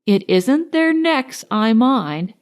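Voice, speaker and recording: A woman's voice: fairly high pitch, big pitch swings, slow pace. A woman voicing a small, anxious male toy piglet in a storybook, timid and earnest.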